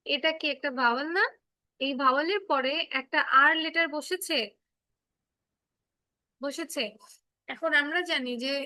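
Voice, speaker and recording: Casting: high-voiced woman teacher, patient, keeps checking the kids follow. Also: bright, forceful tone, no room sound. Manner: patient, repeats and checks understanding. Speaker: English teacher. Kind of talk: online kids' class, explaining phonics.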